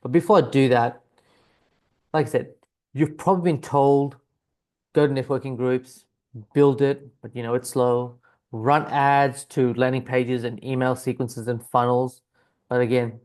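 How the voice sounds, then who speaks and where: A business coach with an Australian accent, born in South Africa and raised in Australia, talks straight to camera in a conversational pitch, repeating key phrases and using frequent fillers. His voice is a little mellow.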